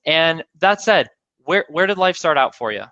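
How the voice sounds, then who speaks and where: A man's voice: a little high, very animated, moderate pace, pushed and bright, no room sound, dull audio. A man hosting a casual video interview, enthusiastic and rambling with lots of fillers. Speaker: interview host.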